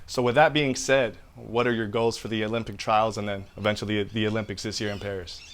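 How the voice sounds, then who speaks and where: A man's voice: on the low side, flat delivery, a little fast, a bit bright, slight background noise. A man hosting a casual interview, laid-back and affirming as he asks questions. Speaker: podcast host.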